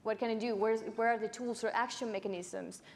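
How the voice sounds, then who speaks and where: Her voice a little high and steady, a nineteen-year-old Chilean woman from Santiago talks fairly quickly as a youth climate activist panelist. A native Spanish speaker with a Chilean accent, she relates a personal story conversationally from an indoor panel stage via a lapel mic.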